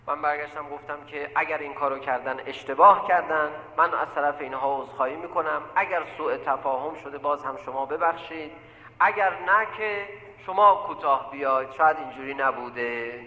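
High bright-voiced guy preaching in a roomy hall, lots of echo, keeps talking right at the crowd. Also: muffled recording. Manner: animated, often addresses the listeners directly as "sir"; repeats phrases for emphasis. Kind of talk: sermon with storytelling. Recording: echoey hall with long reverb.

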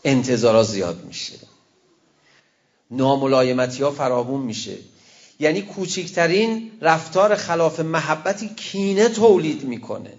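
A man's voice: on the high side, expressive. A man, a cleric, giving a conversational sermon with wry asides and quoted verse. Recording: dull lo-fi recording.

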